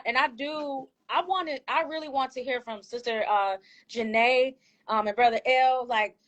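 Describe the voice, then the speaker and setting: Higher-pitched woman host on dull lo-fi audio. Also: a bit bright. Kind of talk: hosting a live panel.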